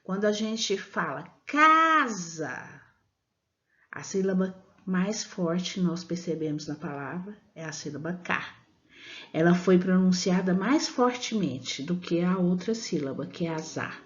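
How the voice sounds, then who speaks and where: A woman teacher explaining a lesson to children, speaking slowly and deliberately and drawing out the example words. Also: lowish voice, darkish tone. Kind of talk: slow classroom explanation for children. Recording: dull lo-fi sound.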